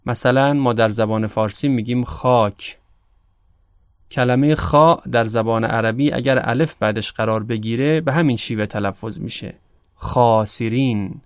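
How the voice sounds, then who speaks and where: Male recitation teacher, native Persian speaker, measured explanation, smooth voice, dry close sound. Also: medium pitch, dry recording. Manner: calm, measured, slows to pronounce Arabic examples. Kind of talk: explanatory lesson.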